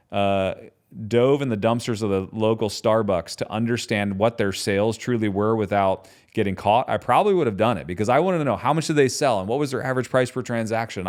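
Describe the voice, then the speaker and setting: A man hosting his own podcast, talking in a passionate, conversational way and often tagging his points with quick questions. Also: on the low side, a little mellow. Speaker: podcast host and business founder. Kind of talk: solo podcast talk.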